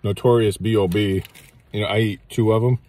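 A man in his sixties reviewing fast food in a rambling, jokey, self-mocking way, filming himself on a handheld camera. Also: lowish voice, steady tone, warm tone, a little hiss or hum. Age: 60s. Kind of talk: casual food review vlog.

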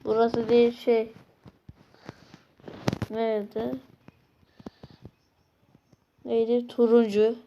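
A woman hosting a gaming channel, giving casual gameplay commentary, talking to herself with sudden excited outbursts and slangy restarts. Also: on the high side, slow, gravelly, muffled recording, a little hiss or hum.

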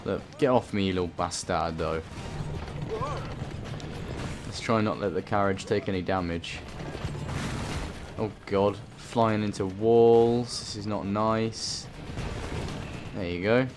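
A man's voice: on the low side, steady tone, takes it slowly, long pauses, over music. A man hosting a let's play, rambling and swearing through his gameplay commentary. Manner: swearing, rambling, self-talking. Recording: voice under game noise.

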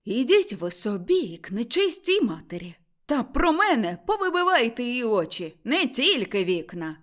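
A woman's voice: fairly high pitch, very animated, moderate pace, a bit bright. Woman reading a fed-up village official.

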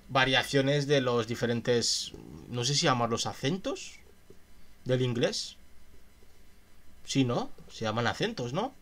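A man's voice: medium pitch, fairly bright tone. Chatty man musing on a stream. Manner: reads passages aloud then muses with chat in a chatty, questioning way. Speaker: streamer reading philosophy. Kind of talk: casual reading and commentary on a livestream.

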